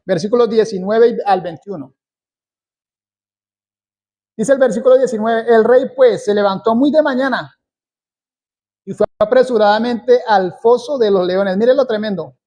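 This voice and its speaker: A man from Colombia preaching a sermon, slow and deliberate, repeating key phrases for emphasis. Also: high voice, warm tone.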